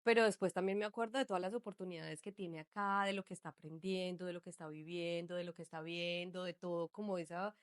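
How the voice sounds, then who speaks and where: A woman's voice: lowish voice, fairly even intonation, fast talker, few pauses, dry recording, clean studio sound. A woman from Colombia with a Colombian accent, a guest on a podcast, chatting as she tells her story. She pads her talk with lots of fillers. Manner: chatty storytelling, full of fillers like "pues" and "entonces". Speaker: guest, migrant mother. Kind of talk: casual conversational interview.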